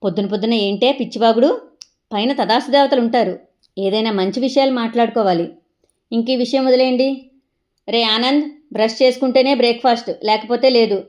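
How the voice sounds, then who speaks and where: A woman's voice: a little high, a little fast, a little mellow, close to an everyday voice. A woman voicing a bossy but loving middle-aged mother who scolds and lectures her children in a comic family sketch. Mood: scolding.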